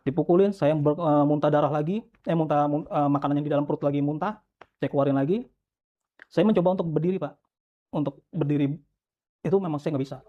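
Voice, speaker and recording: A man speaks quickly in an earnest, halting testimony, his voice sitting a little high. He often restarts his sentences. The recording sounds dull and lo-fi. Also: fairly even intonation. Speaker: guest recounting detention. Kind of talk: emotional testimony.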